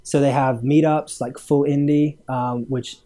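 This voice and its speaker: Born in Hong Kong, this game studio owner is a guest on a podcast, chatting casually in a rambling way full of fillers and chuckles mid-sentence. His mid-range voice is mellow, level in tone, and measured in pace.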